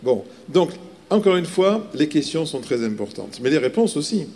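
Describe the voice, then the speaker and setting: A man's voice: on the high side, big pitch swings, normal speed, mellow. A man giving a live seminar talk as a sales trainer, emphatic, repeating key words, with frequent fillers.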